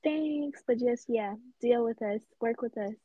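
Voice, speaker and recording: A woman co-hosting a casual podcast with a husky, slightly breathy voice pitched a bit high. She teases her co-host and giggles easily, keeping things loose. The sound is dry and close, with no room around it. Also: unhurried, dry recording, lo-fi sound. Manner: giggly, teasing, loose and informal. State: tipsy from wine. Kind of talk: casual chat.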